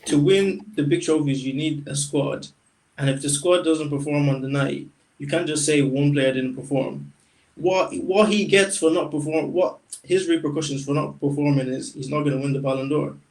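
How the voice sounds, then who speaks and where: Brief: male podcast co-host, higher voice, slangy and blunt, slightly off-mic. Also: normal speed, darkish tone, far from the mic, poor audio. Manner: direct, argumentative, with casual slang. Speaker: podcast co-host, Liverpool fan. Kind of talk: casual football chat.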